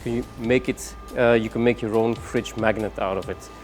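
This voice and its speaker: A man giving a rushed product demonstration, moving between samples with many fillers and saying he is out of breath. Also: lowish voice, steady tone, soft background music. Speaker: product presenter.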